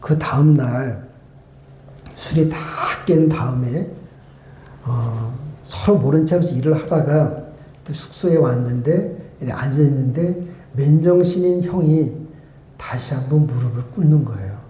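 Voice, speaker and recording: A male guest pastor preaching a sermon and telling a personal story, acting out remembered conversations and moving between loud and hushed speech. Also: mid-range voice, unhurried. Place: church sanctuary. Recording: echoey church hall.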